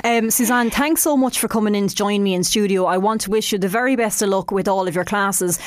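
Irish lady from laois, radio host chatting with guests, medium pitch, close dry studio sound. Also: brisk, no echo. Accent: Irish, County Laois. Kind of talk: casual interview.

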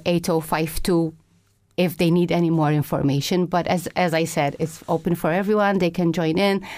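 A woman's voice: lowish voice, a little mellow, no room sound. A woman from Malta with a Maltese accent, speaking as a fitness instructor in a casual studio interview. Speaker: Zumba instructor, interview guest. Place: radio studio.

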